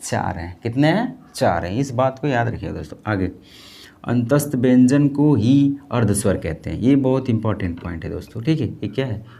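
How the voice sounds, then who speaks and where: A man's voice: mid-range voice, animated, moderate pace, gravelly, warm tone. A man teaching an exam-prep lecture, repeating key terms and asking them back to his students as questions. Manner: drills by call and answer, addressing viewers as friends.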